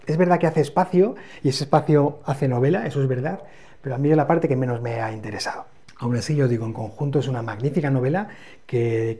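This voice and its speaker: A man with a Spain Spanish accent co-hosting a book channel, summarizing novels in a measured, explanatory way. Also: medium pitch, mellow. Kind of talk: book review chat.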